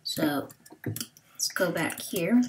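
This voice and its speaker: A woman narrates her own gameplay in a slow, halting way, pausing often with fillers as she thinks aloud. Her voice sits fairly low but moves up and down a lot. A faint hiss runs under the recording. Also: animated. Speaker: gaming channel host. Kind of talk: Let's Play commentary.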